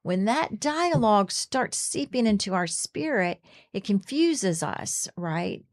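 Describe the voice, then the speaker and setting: Her voice is medium in pitch and expressive, and she takes it slowly. She is a middle-aged woman co-hosting a faith radio talk show, earnest in casual faith talk, often restarting sentences and acting out quoted speech.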